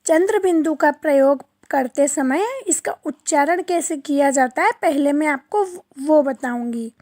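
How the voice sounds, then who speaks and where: Here a primary school teacher, her high voice slightly mellow, leads an online class for young children. Her pronunciation is slow and drawn out, one syllable at a time, and she answers her own questions to the class. The sound is clean and studio-like, with no room noise.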